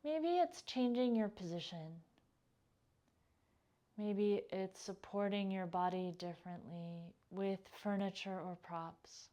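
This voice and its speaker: Speaking slowly in a medium pitch, a female yoga teacher takes listeners through a guided meditation, her soft words drifting off at the ends of phrases without any rush.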